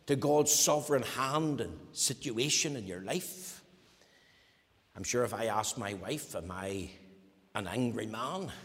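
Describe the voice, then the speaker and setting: A man preaching a sermon as pastor, emphatic, moving from loud declarations to near-whispers. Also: mid-range voice, creaky. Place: church. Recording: long church reverb.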